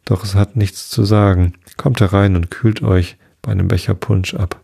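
A man's voice: fairly low pitch, level tone, normal speed, vocal fry, mellow, breathy edge. A man voicing a sceptical old country squire who murmurs wry remarks.

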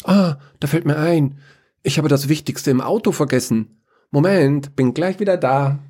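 A man's voice: on the high side, normal speed, warm tone, pitched above the performer's own voice, lightly acted. A man voicing a clumsy, scatterbrained male figure of Chaos who stammers and apologizes in a rush. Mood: flustered.

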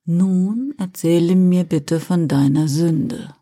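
A woman voicing Lucifer, a calm, seductive male fallen angel, speaking slowly and gently in a whispered role-play. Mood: soft persuasive. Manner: slow, low, gentle, persuasive.

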